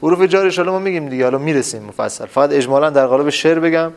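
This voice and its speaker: A man's voice: on the high side, creaky, smooth. A man teaching a class, quizzing students with repeated questions and drilling terms emphatically. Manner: repetitive quizzing, asks and answers his own questions. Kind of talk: classroom lesson.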